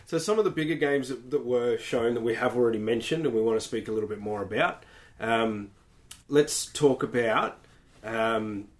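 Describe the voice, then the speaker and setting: A man's voice: medium pitch, normal speed. A man co-hosting a gaming podcast, agreeable and steering the talk along. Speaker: podcast co-host. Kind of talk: casual gaming podcast chat.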